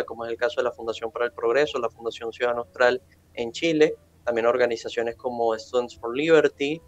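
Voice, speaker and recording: Young man, measured formal speech. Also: medium pitch, dull audio. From Venezuela. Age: 20s. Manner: measured, formal wording with frequent fillers. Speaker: interview guest. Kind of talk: formal interview answers.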